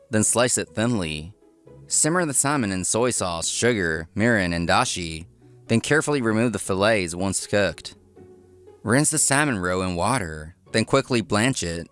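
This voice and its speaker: Lively male narrator of a comic story. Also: fairly low pitch. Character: dry, workaholic young male restaurant owner. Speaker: narrator and lead character of a comic dub. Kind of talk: scripted first-person narration with acted dialogue.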